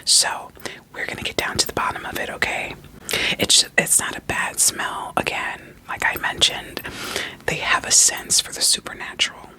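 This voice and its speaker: A woman whispers as a therapist in a soothing ASMR roleplay, at a moderate pace, playfully posing gentle, probing questions and echoing short phrases. The recording is rough.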